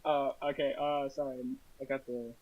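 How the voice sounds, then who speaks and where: A man's voice: medium pitch, flat delivery, moderate pace, no room sound. A male caller who sounds muffled and far away, as if talking from another room, hesitant and full of ums. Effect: muffled and distant, as if from another room. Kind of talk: call-in chat. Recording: dull lo-fi line, far from the mic.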